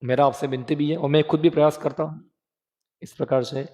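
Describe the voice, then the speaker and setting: In a large hall, a male preacher in his thirties gives a sermon in a conversational way, regularly asking the audience questions and supplying the answers. He speaks briskly in a slightly high, warm voice with fairly even intonation.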